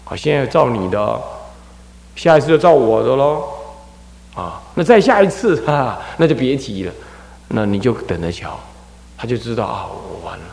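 A Buddhist abbot delivers a dharma lecture, his gravelly voice swinging widely up and down in pitch. He animates his points by acting out parents and children. The talk rings through an echoey hall with a long, trailing reverb. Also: moderate pace. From Taiwan. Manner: animated, acts out scolding parents and crying children.

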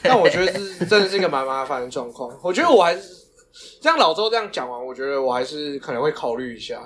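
A man with a Taiwanese Mandarin accent, co-hosting a casual podcast with quick, joking reactions. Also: on the high side, very animated, fairly bright tone, slight background noise. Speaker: podcast co-host. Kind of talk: casual chat.

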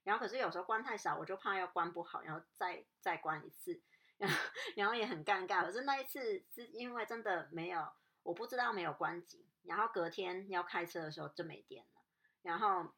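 A young woman recounts a personal story in a relaxed, rambling way. Her voice sits somewhat low for a woman. She often stops, restarts and fills pauses as she talks. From Hong Kong. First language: Cantonese. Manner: hesitant, many restarts and fillers, chatty.

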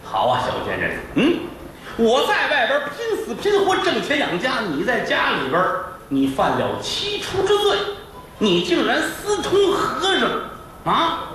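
A male storyteller voicing a hot-tempered, drinking peasant husband who shouts accusations at his wife, heard from a distance in an echoey live hall. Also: extremely high pitch, wildly swooping pitch, a little slow, slight background noise, pitched above the performer's own voice, full character voice. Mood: furious.

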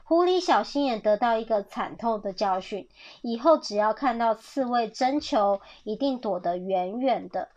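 A woman reading a children's story aloud, animated and pausing to ask her listeners questions. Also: on the high side. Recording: dull lo-fi audio.

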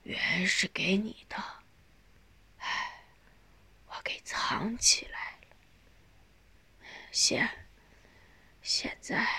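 A woman's voice: mid-range voice, bright, forceful tone, breathy edge, heavily acted. A woman voicing a frail, dying old mother who speaks in a faint, broken whisper in an audiobook. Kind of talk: audiobook narration.

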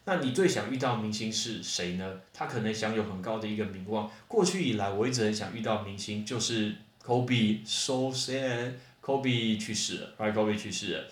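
A man hosting a casual English vocabulary lesson, chatty and animated, spelling words out letter by letter. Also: fairly low pitch, brisk, hardly any pauses, roomy sound. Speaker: English teacher podcast host.

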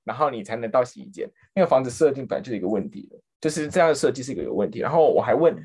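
Young male podcast host, animated storyteller, quick, pitch jumping all over. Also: slightly rough. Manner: animated storytelling, acting out quotes, laughing often. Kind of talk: casual chat.

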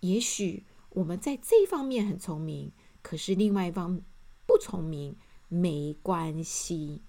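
Gently reading from a children's storybook, a woman with a mid-range voice addresses the young audience directly.

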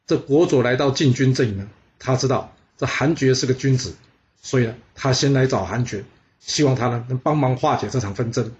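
A man tells history casually, with chatty, teasing asides. His speech is full of filler particles, at an ordinary middle pitch. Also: fairly quick, muffled recording, slight background noise. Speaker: storyteller.

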